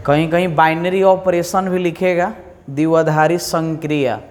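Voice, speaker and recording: A man teaching a class, dictating slowly in short, repeated phrases. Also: a little high, fairly even intonation. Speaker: math teacher. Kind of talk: classroom lesson, dictating questions and quizzing students.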